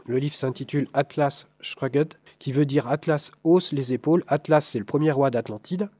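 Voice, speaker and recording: A man from France gives a talk to a live audience, his voice mellow and darkish. He hesitates a lot, fills pauses and restarts his sentences, and throws in dry asides to the audience. The sound is close and dry. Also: medium pitch, dry recording. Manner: hesitant, many fillers and restarts. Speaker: lecturer. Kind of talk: live conference talk with slides.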